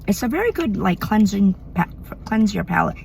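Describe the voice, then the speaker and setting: A woman's voice: medium pitch, very animated, normal speed, creaky, darkish tone, a little hiss or hum. A middle-aged woman from Maine chatting casually between bites in an eating vlog at home at night. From Maine, USA. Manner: chatty, eats between sentences. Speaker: mukbang vlogger.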